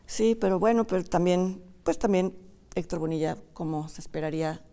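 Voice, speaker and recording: A woman's voice: lowish voice, normal speed, mellow. A middle-aged woman from Mexico co-hosting a film talk show, talking in a thoughtful, conversational way. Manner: thoughtful, conversational, many fillers. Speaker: film critic co-host. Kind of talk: casual conversation about film.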